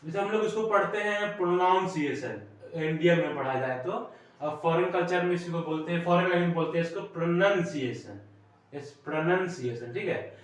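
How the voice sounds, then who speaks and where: A man from India, with a somewhat high voice, runs a classroom lesson, explaining patiently and pausing to check that students follow. He is recorded from a distance in a very echoey room. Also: expressive. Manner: explanatory, often checks in with "ठीक है?". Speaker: teacher.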